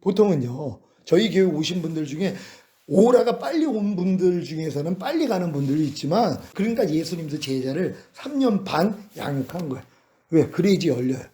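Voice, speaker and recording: A male pastor preaching a sermon, acting out lively dialogue to illustrate his points. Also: on the high side, brisk. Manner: animated preaching with acted-out dialogue.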